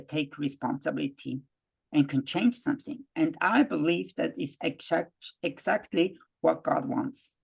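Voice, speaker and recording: A man from Switzerland, giving a halting worldview lecture full of restarts and fillers. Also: a little high, creaky, husky.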